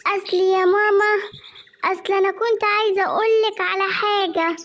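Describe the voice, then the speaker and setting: A performer voicing a frantic young female gazelle in a cartoon, in an Egyptian accent, with a stammering, hurried delivery. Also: very high voice, steady tone, a bit bright. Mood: distraught. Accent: Egyptian Arabic. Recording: clear background noise.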